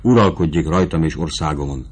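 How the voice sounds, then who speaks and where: A man's voice: rumbling low, breathy edge. A man reading the part of a passionate, anxious young prince in an audiobook, in an earnest, pleading manner.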